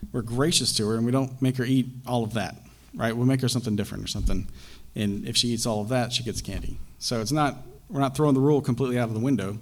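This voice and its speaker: A young man preaching a sermon, talking in a halting way with frequent fillers and restarts. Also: on the low side, a little mellow.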